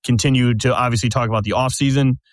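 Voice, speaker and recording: A man hosts a basketball podcast in a steady, explaining way, setting up scenarios for his co-host. His voice is mid-pitched and the sound is dry and close. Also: fast, no room sound. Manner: steady, lays out questions and scenarios. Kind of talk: casual sports chat.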